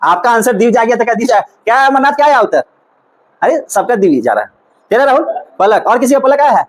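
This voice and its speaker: A man's voice: very high-pitched, very animated, quick pace, low-quality recording. A man with a Bihari Hindi accent teaching a class. He keeps asking the room questions and repeating the puzzle step by step in a coaxing, patient way. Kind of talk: classroom reasoning lesson.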